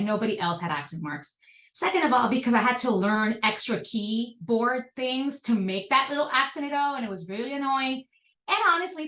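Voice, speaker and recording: A woman's voice: mid-range voice, pushed and bright, reverberant, far from the mic, rough recording. A woman in her thirties from Venezuela with a Venezuelan Spanish accent, telling her personal story earnestly as a podcast guest. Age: 30s.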